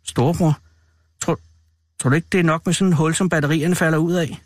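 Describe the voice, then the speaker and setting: A man's voice: fairly high pitch, fairly even intonation, no room sound, clean studio sound, close to an everyday voice. A man voicing a frightened, eager little boy who stammers and pleads. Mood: anxious.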